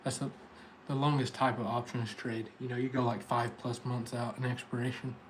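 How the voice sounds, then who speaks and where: A man's voice: mid-range voice, level tone, moderate pace. Tennessee-accented man livestreaming over background noise. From Tennessee, United States. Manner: informal, talking directly to chat viewers. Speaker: livestream host, day trader. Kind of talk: casual livestream chat.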